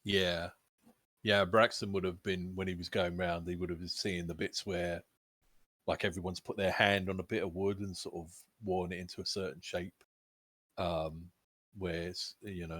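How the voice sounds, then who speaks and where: A man's voice: sits low, little pitch movement, moderate pace, fairly bright tone, dry recording. A man chatting casually as a tabletop game player, describing what his character says and does.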